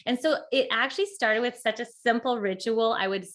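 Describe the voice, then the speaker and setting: A woman's voice: on the high side, fairly bright tone. A woman author being interviewed, speaking passionately in a casual way, with frequent "like" fillers. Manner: passionate, talks in quick bursts with many "like" fillers. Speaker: author and guest.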